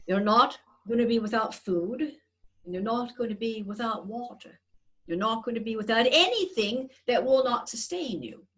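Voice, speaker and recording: A woman speaking as a trance channeler, like a seance medium, guiding listeners with deliberate, portentous, reassuring phrasing as in a guided meditation. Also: a little high, animated. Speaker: trance channeler leading a group session.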